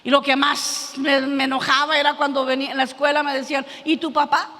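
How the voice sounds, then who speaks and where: High, bright woman preaching. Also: monotone. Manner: earnest, halting storytelling with many restarts. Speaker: preacher giving testimony. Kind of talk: sermon testimony. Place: church hall. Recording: long hall reverb.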